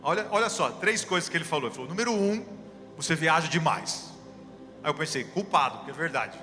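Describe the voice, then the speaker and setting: A man's voice: fairly high pitch, lively intonation, brisk, bright, forceful tone, long reverb tail, faint music behind. A middle-aged Brazilian man preaching a sermon in church, telling stories with acted quotes and building to fervent calls. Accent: Brazilian Portuguese. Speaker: pastor. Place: church hall.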